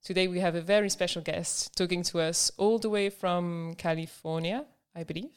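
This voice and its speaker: Woman hosting a podcast, super clear smooth voice, laughs a lot. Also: fairly low pitch, steady tone, normal speed. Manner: friendly, laughs often. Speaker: podcast host. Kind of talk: podcast interview.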